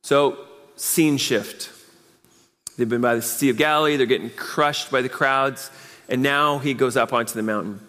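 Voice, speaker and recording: A man's voice: medium pitch, fairly even intonation, moderate pace, bright, forceful tone, long reverb tail. A man preaching a sermon as pastor, speaking emphatically with rhetorical questions and repeated phrases. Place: church.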